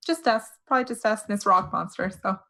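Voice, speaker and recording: A woman's voice: medium pitch, expressive, fast, sharp tone. A young woman playing a tabletop game in character, dry and sarcastic. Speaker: player.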